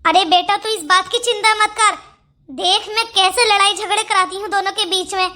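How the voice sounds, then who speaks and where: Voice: very high-pitched, steady tone, moderate pace, bright, forceful tone. A performer voicing a sly, bossy older mother-in-law in a Hindi cartoon story, scolding and plotting. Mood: scheming.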